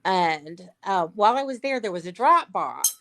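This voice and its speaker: Animated Southern woman telling a story. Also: medium pitch, normal speed. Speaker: paralegal and sweepstakes guest. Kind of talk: casual storytelling chat. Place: livestream video call.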